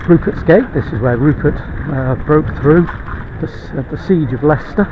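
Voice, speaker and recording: Man cycling through loud wind noise. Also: fairly high pitch. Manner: halting, piecemeal delivery while cycling. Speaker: cyclist filming a guided ride. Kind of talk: casual tour commentary while riding. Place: outdoors on a moving bicycle, city streets and park. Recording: outdoor wind noise on microphone. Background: loud wind and traffic noise.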